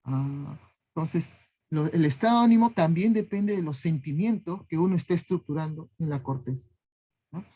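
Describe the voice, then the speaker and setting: A man's voice: a little high, normal speed, warm tone, husky. A man teaching a class, listing ideas one word at a time and checking in with a questioning "¿no?" after nearly every phrase. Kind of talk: classroom lecture.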